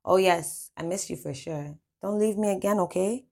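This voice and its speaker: A flirty, flattering rich gambler man who jokes around at the card table, as a woman narrator puts him on. The voice is low and gravelly, told within a spoken story. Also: moderate pace. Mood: flirting. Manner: jokey, flattering. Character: flirty wealthy male gambler client.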